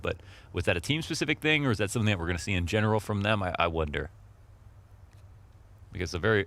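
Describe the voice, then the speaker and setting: A man's voice: low-pitched, fairly bright tone. A man giving esports color commentary, thoughtful and hesitant, with many fillers. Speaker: analyst commentator. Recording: game sounds and gunfire behind.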